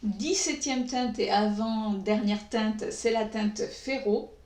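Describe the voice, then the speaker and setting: Slow-talking woman, echoey room. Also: mid-range voice, darkish tone. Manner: slow, hesitant, many pauses and fillers. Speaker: beauty vlogger. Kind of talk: makeup tutorial talk.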